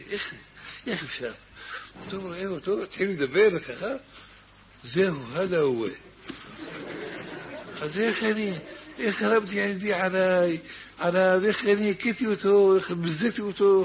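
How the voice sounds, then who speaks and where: Male rabbi, sermon-storyteller, a little high-pitched, faint background hiss. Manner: animated storyteller acting out dialogue.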